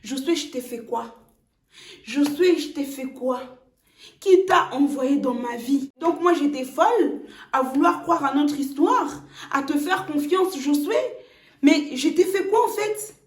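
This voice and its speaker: A heartbroken young fiancée confronting her lying partner, hurt and accusing, played by a woman storyteller. Her voice is high. The recording has a roomy echo. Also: measured pace.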